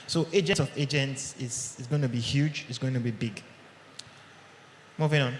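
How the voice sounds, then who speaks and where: Speaking at normal speed in a mid-range voice, a tech conference presenter talks conversationally to his audience and keeps checking in with "okay?" The recording comes from a handheld or podium mic in a large hall, with a long, echoing reverb and a little hiss or hum.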